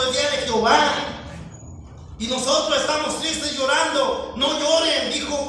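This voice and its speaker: A man's voice: very high-pitched, bright, forceful tone, a little hiss or hum. A man with a Mexican Spanish accent preaching a sermon as pastor, asking the congregation questions and calling them brothers. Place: church hall. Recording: very echoey church from a distance.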